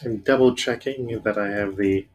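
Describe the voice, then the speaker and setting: A man's voice: on the low side, normal speed, lo-fi sound. A man acting as game master, improvising narration in a loose, conversational, descriptive way.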